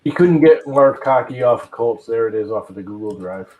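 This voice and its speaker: A man's voice: medium pitch, animated, brisk, a little mellow, low-quality recording. A man chatting casually on a stream, rambling and searching for his words. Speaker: guest on a stream. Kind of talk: casual chat.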